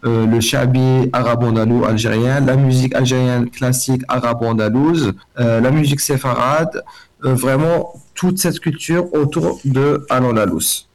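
A man's voice: medium pitch, steady tone, moderate pace, darkish tone. A middle-aged man from Algeria, a festival director speaking as a guest in a radio interview, talking with many fillers and restarts.

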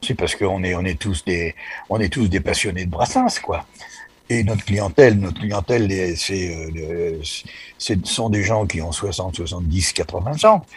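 A man in his eighties from the Paris suburbs, a guest on a radio interview, talking in a folksy, halting, wry way. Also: low voice, breathy edge. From Paris suburbs, France. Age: 80s. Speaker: association president, guest.

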